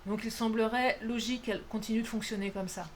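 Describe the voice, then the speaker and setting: A woman's voice: on the high side, fairly even intonation, fast talker, slight background noise. A woman doing a casual, playful card reading, chatty and self-mocking with lots of fillers. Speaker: tarot card reader.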